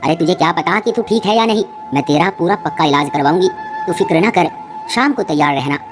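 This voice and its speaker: A woman's voice: on the low side, lively intonation, a little fast, close to an everyday voice. A woman voicing a bossy, scheming older mother-in-law who scolds and orders around, with music playing behind. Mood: insistent. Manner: scolding, domineering.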